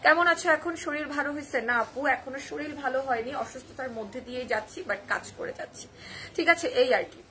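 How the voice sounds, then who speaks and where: A young woman with a Bangladeshi Bengali accent and a hoarse voice, chatting on a live-stream sales pitch and reading viewer comments aloud and answering them. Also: fast, bright, forceful tone, slight background noise. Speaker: online boutique live seller.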